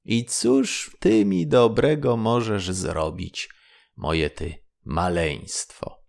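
A poor young fisherman from a fairy tale speaks in a hearty, carefree voice, done by a man. His voice is low and gravelly, and he speaks slowly, with loud, lively swings. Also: heavily acted. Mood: amused.

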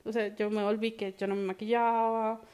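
A woman's voice: medium pitch, moderate pace, clear, resonant tone. A woman with a Colombian accent, co-hosting a casual podcast chat and telling personal stories animatedly. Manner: animated storytelling. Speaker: podcast co-host.

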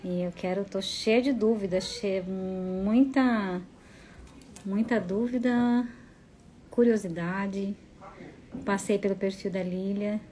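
A woman's voice: medium pitch, steady tone, takes it slowly, mellow, slight background noise. A woman with a Brazilian accent hosting a casual live stream, chatty and effusive as she greets viewers by name. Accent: Brazilian Portuguese.

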